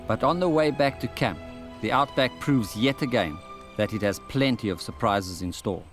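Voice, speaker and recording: Man narrating a documentary over music. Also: mid-range voice. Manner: measured, reflective first-person narration. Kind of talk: scripted narration.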